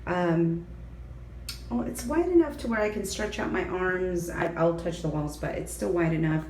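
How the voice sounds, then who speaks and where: Bubbly and talkative, a young travel vlogger shows off her hotel room and the ground-floor patio on a handheld phone, filling gaps with fillers. She speaks at a moderate pace in a fairly low voice that's a bit raspy and hoarse, having lost her voice. Background noise, faint ambience and a roomy echo are audible.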